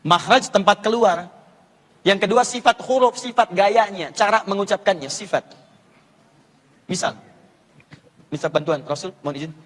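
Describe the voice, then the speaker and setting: A man's voice: high-pitched, moderate pace, long pauses, fairly bright tone. A man preaching at a live question session, teaching pronunciation with playful repeated drills. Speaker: Islamic preacher answering audience questions. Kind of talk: live Q&A lecture with audience demonstration. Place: large lecture hall with audience. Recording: long hall reverb.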